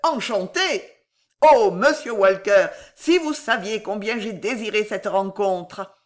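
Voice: mid-range voice, animated, a little slow, voice pushed up, close to an everyday voice. A reader voicing a sly male servant who gushes in an overly sentimental way in an audiobook. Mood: gushing. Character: sly, gushing male servant, falsely tearful. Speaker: character in an audiobook. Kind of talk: audiobook character reading.

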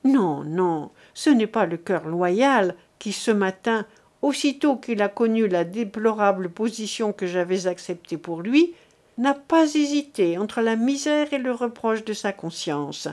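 A woman's voice: medium pitch, animated, unhurried, darkish tone, natural voice. A woman reading as a desperate pleading mother. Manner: impassioned, imploring.

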